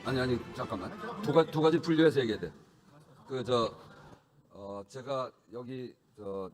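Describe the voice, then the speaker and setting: A man presiding over a heated parliamentary session. He stammers and restarts often, explains himself defensively and scolds hecklers to be quiet. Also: mid-range voice, big-room sound.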